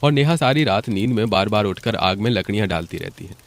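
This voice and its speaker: Low-voiced man narrating a cartoon. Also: expressive, brisk.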